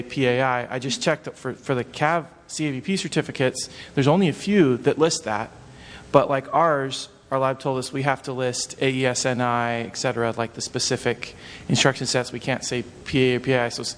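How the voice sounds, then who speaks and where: A man speaking informally as an audience member, putting a question at a conference. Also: mid-range voice. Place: large indoor conference room. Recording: echoey hall with background noise.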